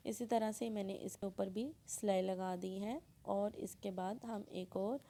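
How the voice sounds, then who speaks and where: Woman with a sore, gravelly throat. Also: medium pitch, steady tone, a little slow, dark tone. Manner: plain instructional, frequent throat clearing. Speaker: sewing instructor. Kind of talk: step-by-step tutorial voice-over.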